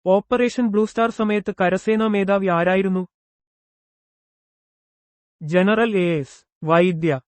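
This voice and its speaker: A man reading exam prep questions, each followed by its answer and a short explanation, in a steady recited pattern. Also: high voice, slow, long pauses, dry recording. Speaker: exam coach.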